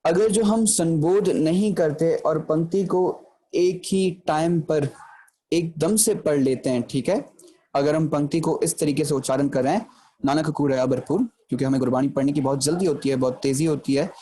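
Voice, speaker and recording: A man giving an explanatory grammar lecture, patiently checking in with the listener and slowing down to recite verse lines for emphasis. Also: a little high, mellow, breathy edge. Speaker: Gurbani grammar teacher.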